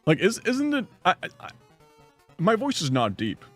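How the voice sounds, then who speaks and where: Streaming from home with faint music behind him, a young adult man chats in a rambling way, reading his viewers' questions aloud and responding. His high-pitched voice swings hugely in pitch at a moderate pace.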